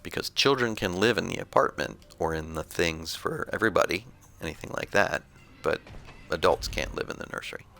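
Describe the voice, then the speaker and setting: A man giving relaxed, explanatory commentary on his own gameplay, thinking aloud as he plays. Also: sits low, fairly quick, gravelly.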